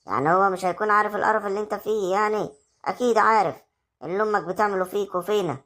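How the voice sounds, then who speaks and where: A woman's voice: mid-range voice, rapid-fire, a bit bright, close to an everyday voice. Woman playing a coaxing Egyptian young wife. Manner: coaxing, insistent. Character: young scheming wife, pushy and persuasive. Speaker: actor in a web drama. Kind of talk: amateur village drama acting.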